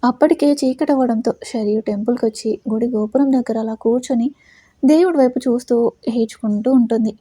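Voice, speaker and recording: A woman's voice: a little high, a little fast, mellow, husky, dry recording. A woman narrating a romantic audio story in a dramatic storytelling manner.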